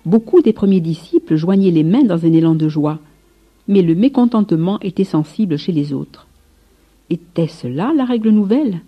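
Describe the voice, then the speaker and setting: A woman narrating a story aloud in a measured, solemn reading, on a slightly muffled recording. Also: fairly low pitch, animated.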